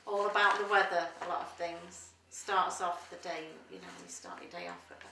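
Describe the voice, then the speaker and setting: Chatty Yorkshire woman, gravelly and bright. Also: on the low side, very animated, moderate pace. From Doncaster, Yorkshire, England. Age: middle-aged. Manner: chatty, rambling, searching for words. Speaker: interviewee. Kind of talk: casual interview chat. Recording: roomy sound from a distance, faint noise.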